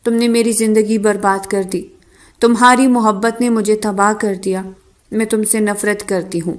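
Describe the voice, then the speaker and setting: A hurt young wife, bitter and accusing toward the man who betrayed her, voiced by a woman reading a romance audiobook. Her voice sits at a medium pitch. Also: steady tone, lightly acted.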